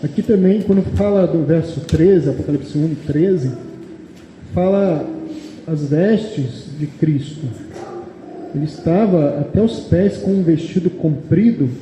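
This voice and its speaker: A man's voice: on the high side, takes it slowly, warm tone. A man with a Brazilian Portuguese accent preaching a sermon in a church meeting, reading verses aloud and explaining them, often asking the congregation "amém?". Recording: echoey hall, long reverb, faint background noise.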